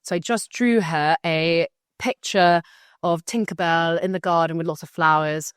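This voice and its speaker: A young woman co-hosting a podcast, chatting in a bubbly, animated way and laughing often. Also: fairly low pitch, normal speed, clear, resonant tone, dry recording, studio quality. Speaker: podcast co-host. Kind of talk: casual chat.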